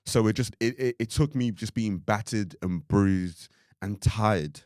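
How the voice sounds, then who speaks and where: A man's voice: fairly low pitch, a little slow, darkish tone, no room sound, clean studio sound. A young man co-hosting a podcast, chatting casually in a rambling way with lots of fillers. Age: young adult. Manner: rambling, filler-heavy, full of "like". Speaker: podcast co-host.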